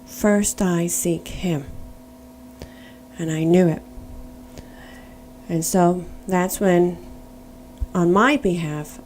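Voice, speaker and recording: A woman's voice: on the low side, darkish tone, slight background noise. A middle-aged woman giving a personal faith testimony, earnest and storytelling, now and then spelling words out letter by letter.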